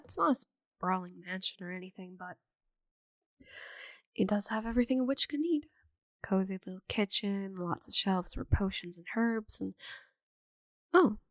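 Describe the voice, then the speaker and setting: In an ASMR roleplay audio drama, a woman plays a friendly, chatty, slightly scatterbrained forest witch with a gentle, theatrical manner. Her medium-pitched voice is lightly acted and cheerfully welcoming, recorded with no room sound.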